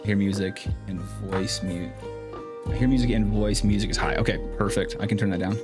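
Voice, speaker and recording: Male streamer, lowish voice, loose chatty host, home setup with faint music behind. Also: fairly even intonation, brisk. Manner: chatty, thinks aloud while fixing audio. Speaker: livestream host. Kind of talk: casual live-stream chat. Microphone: streaming mic with in-ear monitoring. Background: faint background music.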